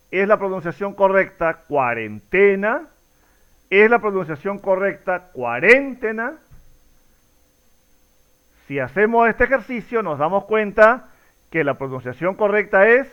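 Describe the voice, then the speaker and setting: A male teacher talks slowly to his students, leaning hard on single syllables and drawing them out. His voice sits high and swoops up and down, smooth and clear. The recording sounds dull and lo-fi. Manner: slow, drawn-out words with strong stress to show the stressed syllable; addresses students directly, repeating each question. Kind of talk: recorded classroom lesson.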